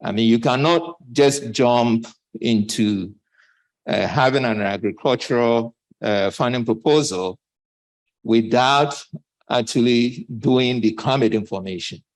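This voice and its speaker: A man speaking as a panelist at a conference, a bit out of breath, halting with many fillers. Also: mid-range voice, low-quality recording. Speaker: panelist from a development bank.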